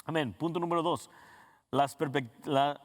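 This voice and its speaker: Spanish-speaking pastor preaching, higher voice. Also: male voice, fairly even intonation. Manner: reads scripture slowly, then preaches with frequent restarts and self-corrections. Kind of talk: sermon.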